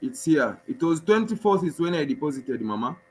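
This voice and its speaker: A man's voice: on the high side, big pitch swings, brisk, darkish tone. Man from Tanzania explaining on a call. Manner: explains step by step while showing his screen. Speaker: guest. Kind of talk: casual live-stream chat.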